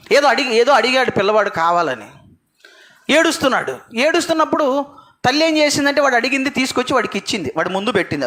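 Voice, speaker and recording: A man's voice: very high-pitched, sharp tone. A man preaching a sermon to a congregation, asking them questions and repeating phrases for emphasis.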